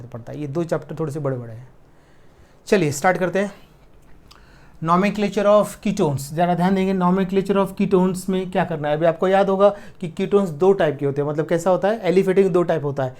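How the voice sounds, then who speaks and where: A middle-aged man with an Indian accent teaching chemistry in a classroom lecture, mixing in English terms and slowly repeating key words as he writes them on the board. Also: high voice, warm tone. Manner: explains patiently, repeats key terms slowly while writing.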